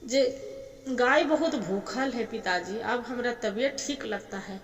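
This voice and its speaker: A woman with a Bhojpuri accent voicing a sick young village boy who pleads softly with his father. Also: a little high, measured pace, roomy sound, in a large hall, natural voice. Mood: pleading, weak.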